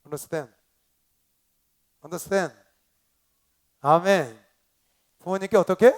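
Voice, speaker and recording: Pastor, male, high-pitched; sermon delivery, leads call-and-response, jumps from loud to hushed. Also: extremely slow. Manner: emphatic, swings between loud exclamations and quiet asides. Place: convention hall seminar.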